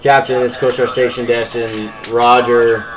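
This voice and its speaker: A man's voice: mid-range voice, level tone, normal speed, very noisy. A man working as a Coast Guard station radio operator, talking in clipped, procedural phrases over a marine radio transmission.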